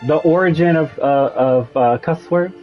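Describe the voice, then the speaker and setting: Brief: unhurried, digressive male game streamer, faint music behind. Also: on the high side, lo-fi sound. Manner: musing, digressive, with frequent restarts. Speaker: gaming streamer. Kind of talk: casual rambling commentary over gameplay.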